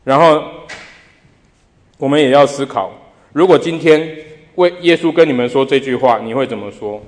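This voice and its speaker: A pastor with a mid-range voice preaches a sermon at a moderate pace, putting rhetorical questions to the congregation and repeating phrases for emphasis. The recording has the long reverb of a large hall.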